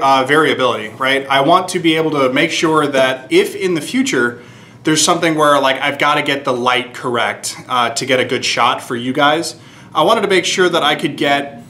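In a casual how-to vlog, a man in his thirties who owns a shop chats upbeat while renovating it, walking viewers through every step. His medium-pitched voice is bright and forceful. He's recorded indoors in a low-ceilinged shop workroom on an on-camera mic at arm's length or on a stand, and the sound has a roomy echo.

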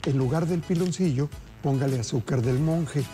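Upbeat TV cooking host, mellow voice. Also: male voice, a little high, normal speed, soft background music. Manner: upbeat, folksy, addresses viewers as family. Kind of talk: TV cooking segment, addressing viewers. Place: TV studio kitchen set. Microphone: lapel mic.

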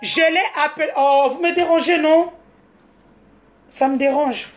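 A woman from Congo with a Congolese French accent tells a story on a casual live stream, lively and switching between French and Lingala, speaking into a phone. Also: high voice, a little slow.

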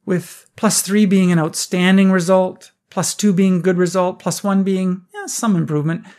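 A man hosting a podcast, briskly explaining research findings and asking rhetorical questions. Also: high-pitched. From Canada. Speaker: podcast host. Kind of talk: scripted research review.

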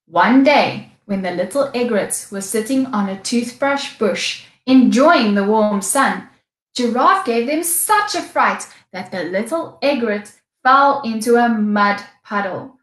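South african lady teacher reading a kids story aloud, real slow, kinda high voice, echoey room. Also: lively intonation, a bit bright. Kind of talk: storybook read-aloud for young children.

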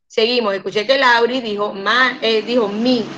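Patient woman, higher voice, teaching English over a dull-sounding call line. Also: fairly even intonation, sharp tone. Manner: patient, slows down to model pronunciation. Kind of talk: online class instruction.

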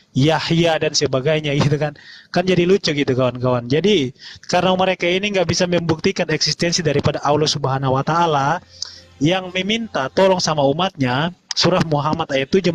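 A man with a fairly high voice argues in a heated online debate. He lectures combatively and slows right down to spell out words and drive his point home.

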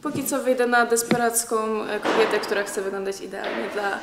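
A woman's voice: fairly high pitch, fairly even intonation, a little fast, gravelly, over loud music. A young woman chatting casually to camera behind the scenes of a shoot, in an echoey room.

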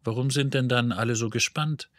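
A man's voice: medium pitch, brisk, fairly bright tone, no echo, natural voice. A man voicing an anxious ordinary man who asks hesitant, worried questions. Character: anxious ordinary Englishman lost in space.

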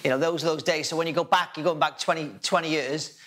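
A man reminisces in a casual podcast chat, swearing heavily and stacking up fillers and repeats. His voice sits slightly high. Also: fairly even intonation, quick pace, a bit bright. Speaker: cast member.

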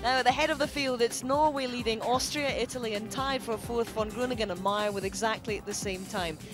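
A woman presents ski results in a brisk broadcast manner, with a wry touch. Her voice sits a little high, and music plays clearly behind her. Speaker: sports presenter.

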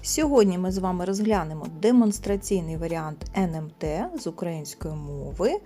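A woman teacher going through exam tasks step by step, saying the example words slowly and clearly. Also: medium pitch, mellow. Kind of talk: exam prep lesson.

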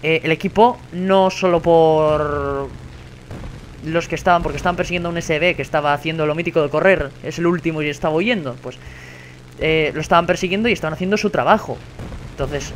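A young man from Spain with a Spanish accent and a high-pitched voice narrates a gaming story with sarcastic humor. A faint hiss sits under the voice. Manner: sarcastic, storytelling, animated retelling of insults. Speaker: gaming YouTuber. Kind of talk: casual gameplay commentary.

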